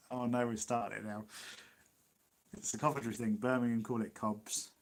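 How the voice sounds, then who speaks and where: In a mid-range voice with a level tone and a slightly slow pace, a man hosts a casual live Q&A on his livestream. He's from Nottinghamshire, England, speaks with an East Midlands English accent, and keeps things chatty and rambling with plenty of laughter.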